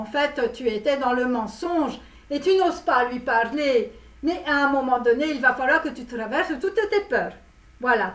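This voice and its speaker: Woman putting on a pushy Romanian guru coach. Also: sits high. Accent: put-on Romanian. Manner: rambling, theatrical, self-promoting. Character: brash female Romanian-American guru coach, pushy and self-important. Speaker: tarot reader and love coach. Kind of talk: comic tarot reading parody. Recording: roomy, distant mic.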